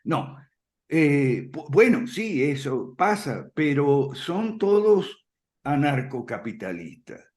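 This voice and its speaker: A man explaining ideas in conversation, firm and emphatic, often checking in with a quick "ok?" and soft chuckles. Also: on the high side, sing-song. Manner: emphatic, repeats points firmly. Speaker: guest speaker on classical liberalism.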